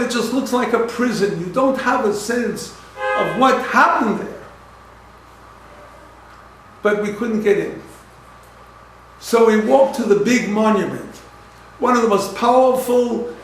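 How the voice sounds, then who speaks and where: Man, rabbi giving a lecture, storytelling, repeats himself, acts out dialogue, echoing room. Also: high voice.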